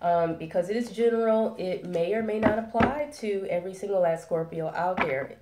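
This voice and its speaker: With a moderate pace and mid-range voice, this tarot reader talks casually through a reading, full of fillers and check-ins. She has a head cold that makes her nasal, and the room is echoey with heavy background noise.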